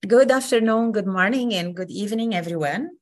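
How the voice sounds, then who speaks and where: With a mid-range voice and a Brazilian accent, a woman from Brazil leads an online session as its facilitator. Her manner is friendly and relaxed, full of fillers.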